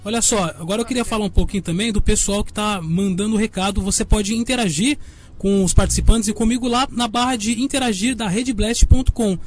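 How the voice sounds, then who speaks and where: A high-voiced man with a Brazilian accent hosts a relaxed live web radio chat. His microphone is overdriven, so every word clips and crackles with distortion. Soft music plays faintly underneath. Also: a little fast. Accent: Brazilian Portuguese. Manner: relaxed, chatty, reads listener messages. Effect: clipping, distorted microphone. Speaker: web radio show host.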